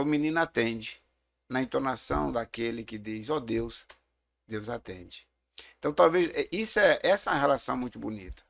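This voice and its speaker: A middle-aged Brazilian man with a gravelly, slightly fried voice talks through questions of faith in an unhurried, reflective way. He speaks at an ordinary mid pitch and often stops to tell a story. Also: fairly bright tone. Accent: Brazilian Portuguese. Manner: reflective, explanatory, tells stories. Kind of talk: casual theological discussion.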